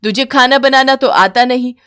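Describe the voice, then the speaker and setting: Woman voicing a shrill cruel mother-in-law. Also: normal speed, a bit bright, smooth. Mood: scornful. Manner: scolding, bossy, shrill. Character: harsh cruel middle-aged mother-in-law. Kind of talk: cartoon voice acting.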